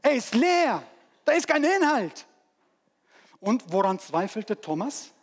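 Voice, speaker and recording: A man preaching with a high, lifted voice that carries through a church hall with a long echo. He pushes his points loudly, then drops to quiet, dramatic asides. The reading and the retold scenes stay in his own preaching voice. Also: takes it slowly, breathy edge. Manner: animated preaching that swings between loud peaks and hushed dramatic asides. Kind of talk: sermon.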